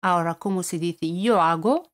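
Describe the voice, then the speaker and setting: A woman with a Spanish accent from Spain giving a scripted French lesson, speaking clearly and repeating each French word. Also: on the low side, moderate pace. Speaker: French teacher.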